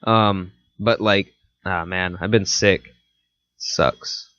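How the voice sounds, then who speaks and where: A young man co-hosting a casual podcast, laid-back and teasing in a deadpan way, sniffly from a cold. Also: low-pitched, extremely slow. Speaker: podcast co-host. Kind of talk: casual chat. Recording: dry, dull lo-fi sound.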